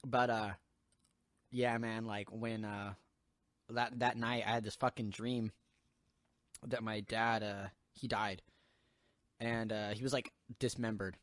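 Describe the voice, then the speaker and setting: A man's voice: fairly low pitch, flat delivery, slow, long pauses, no echo, studio quality. A young man hosting a podcast, talking casually in a rambling way with lots of swearing and fillers. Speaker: podcast host. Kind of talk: casual chat.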